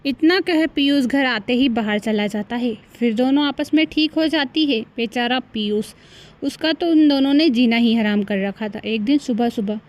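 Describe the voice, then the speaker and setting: A woman's voice: a little high, moderate pace. A woman narrating a moral cartoon story in a plain storytelling way.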